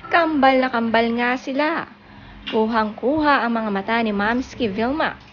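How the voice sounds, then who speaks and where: A woman's voice: on the high side, unhurried, muffled recording, a little hiss or hum. Woman narrating gushing showbiz gossip. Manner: chatty, gushing gossip read. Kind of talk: scripted narration.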